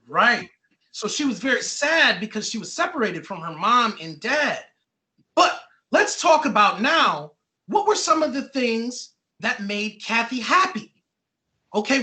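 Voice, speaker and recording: An author reads a children's book aloud and quizzes the kids, encouraging them, repeating their answers, and checking in with "right?" and "okay." The voice is medium-pitched, bright, and forceful.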